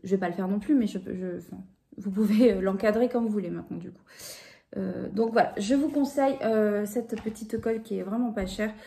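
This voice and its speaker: A woman in her thirties talks casually through a craft vlog from home. Her voice is mellow and warm at a middle pitch. She keeps restarting her sentences and filling gaps with hesitations. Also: a little fast, creaky. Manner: chatty, many fillers and restarts. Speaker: vlogger.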